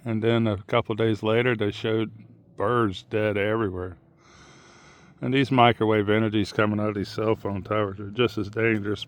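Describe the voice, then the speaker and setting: Creaky-voiced man musing as he walks outdoors. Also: fairly low pitch. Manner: musing, plain-spoken, drifting between thoughts. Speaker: vlogger. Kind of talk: rambling outdoor monologue while walking. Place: outdoors on a muddy tidal shore.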